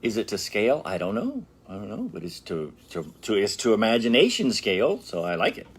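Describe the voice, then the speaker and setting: A man's voice: lowish voice, huge pitch swings, brisk, slightly rough. A middle-aged man hosting a casual brick-building tutorial, chatting playfully and straight to his viewers as he works. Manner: chatty and playful, talks straight to viewers, hums and jokes while working. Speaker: brick-building channel host.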